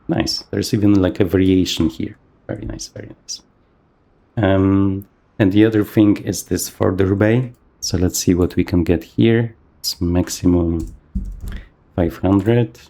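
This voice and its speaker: A man casually talking through a flight simulator session, thinking aloud with plenty of fillers, his voice a little rough from the morning. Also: low-pitched, dark tone. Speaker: flight sim video host. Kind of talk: casual gameplay commentary.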